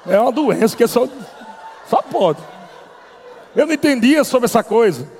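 Northeast guy preaching his testimony, high voice, acts out everybody, long echo. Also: moderate pace, a faint crowd, slight background noise. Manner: animated, acts out voices, laughs often. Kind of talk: testimony sermon storytelling. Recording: long hall reverb.

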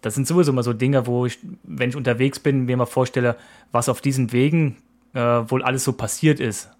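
A man in his forties talks through plans on a podcast in a loose, easygoing way. He rambles a little and hesitates often. His voice sits at an ordinary middle pitch. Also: steady tone, brisk, darkish tone. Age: 40s. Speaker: podcast co-host. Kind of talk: casual chat.

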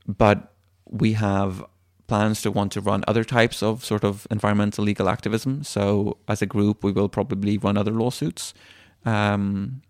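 A man answers questions as an activist guest in an interview. His voice is lowish with a lot of vocal fry, and he explains things in a measured, hesitant way. The recording is dry. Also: no room sound.

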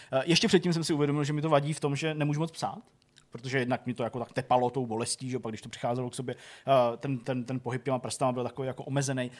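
A man in his thirties telling a long story in casual chat, rambling and filling every phrase with filler words and restarts. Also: medium pitch.

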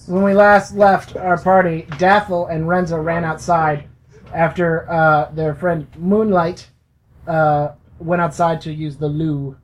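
A game master narrating a tabletop role-playing game for a podcast, in slow, halting speech full of fillers. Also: medium pitch, little pitch movement, poor audio.

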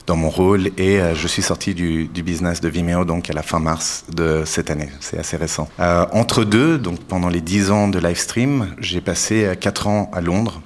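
A man, answering interview questions in a thoughtful way with many pauses and restarts. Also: low-pitched. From Switzerland. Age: 40s. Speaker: entrepreneur guest.

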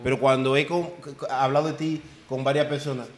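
A man's voice: medium pitch, little pitch movement, fairly quick. A man from the Dominican Republic with a Dominican accent, talking as a guest on a casual podcast, emphatic and repeating words as he builds his points. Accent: Dominican Spanish.

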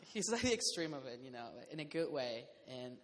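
A man's voice: medium pitch, sing-song, brisk, a bit bright. Laughing young man in a reverberant room. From Costa Rica. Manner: laughing often, rambling with fillers. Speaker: community house resident. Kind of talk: casual group conversation. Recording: reverberant room, faint noise.

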